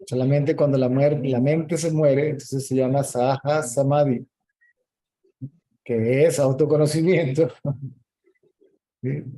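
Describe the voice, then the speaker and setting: A man teaching spirituality in a question-and-answer meeting, explaining calmly and often checking in with a short "yes?". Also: medium pitch, takes it slowly, pauses often, rough recording.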